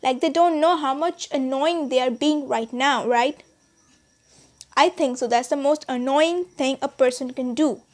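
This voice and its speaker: Her voice is high and darkish, and she takes her time as she chats. This Indian teenager, a YouTuber with an Indian accent, rambles to her subscribers with plenty of restarts and fillers in a small indoor bedroom.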